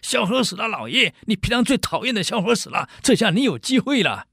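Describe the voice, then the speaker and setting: A man's voice: high voice, very animated, quick pace, vocal fry, fairly bright tone, breathy edge, dry recording, clean studio sound, pitched above the performer's own voice, exaggerated voice. A man voicing a frantic male household servant who bursts in with urgent, repeated news. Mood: excited. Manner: breathless, urgent, repeating himself.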